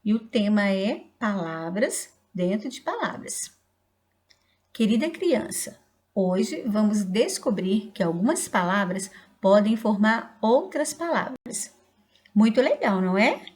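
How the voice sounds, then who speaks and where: A woman's voice: mid-range voice, a little mellow. A woman teaching a reading lesson to young children, patiently spelling out syllables letter by letter. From Brazil.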